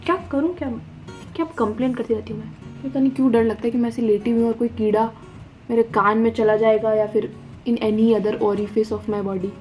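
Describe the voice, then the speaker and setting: Young woman, from India, high voice, rambling late-night vlog, Hindi-English mix, casual swearing, lying on the floor, phone camera, faint guitar music. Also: steady tone, a little fast, warm tone. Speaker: vlogger. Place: lying on the floor indoors at home. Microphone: phone camera up close.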